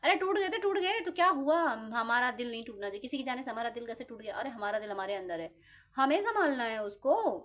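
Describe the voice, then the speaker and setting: A woman speaks in a high voice as a tarot reader. She gives a casual motivational talk, chatty and playful, and drops quick acted-out asides. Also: animated, fairly bright tone.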